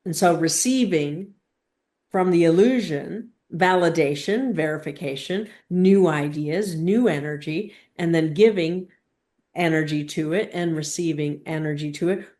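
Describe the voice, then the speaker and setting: A woman with a low, warm voice conducts a spiritual teaching session. She speaks in deliberate fragments, pausing emphatically and using questions to guide those listening.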